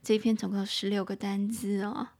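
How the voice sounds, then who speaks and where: A young adult woman hosting an English lesson podcast in Mandarin. She spells words out slowly and chats with playful asides. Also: flat delivery, a little mellow. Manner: chatty, with playful high-pitched asides. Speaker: English teacher and podcast host. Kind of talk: bilingual vocabulary lesson podcast.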